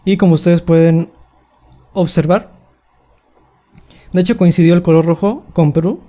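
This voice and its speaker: A young adult presenting a coding webinar over a video call, explaining step by step with frequent pauses. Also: mid-range voice, dark tone. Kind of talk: screen-share coding tutorial. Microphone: computer mic on a video call.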